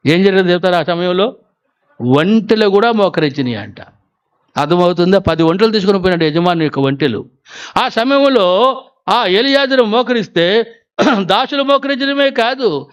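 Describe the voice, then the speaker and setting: A man's voice: sits high, clear, resonant tone. A man preaching a sermon at a prayer house, telling his own testimony and often asking the congregation whether they follow. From Andhra Pradesh, India. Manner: asks the congregation questions again and again.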